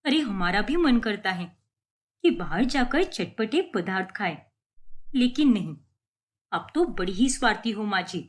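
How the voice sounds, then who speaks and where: A woman's voice: medium pitch, lively intonation, measured pace, lightly acted. A woman voicing a young daughter-in-law in a cartoon story who schemes and defies her mother-in-law. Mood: defiant. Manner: complaining, defiant.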